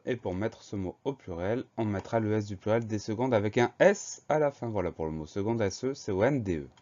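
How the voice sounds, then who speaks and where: A man's voice: on the low side, darkish tone, highs cut off. A man teaching a spelling lesson for children, patiently spelling each word letter by letter.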